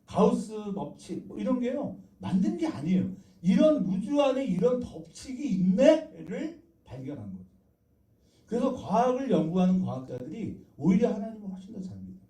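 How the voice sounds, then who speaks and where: A male pastor with a dark, mellow voice and a lively, rising-and-falling delivery preaches to his congregation. He keeps pulling them in with questions and reads scripture aloud with them. He sounds distant from the mic, in a church hall full of echo. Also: sits high, moderate pace. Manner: interactive, prompts the congregation to respond and read aloud together. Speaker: senior pastor. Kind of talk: sermon. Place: church sanctuary.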